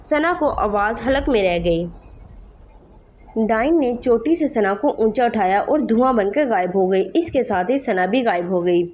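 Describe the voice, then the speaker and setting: A woman narrating a horror story as a storyteller, in a steady reading voice. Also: a little high, a little slow, slight background noise.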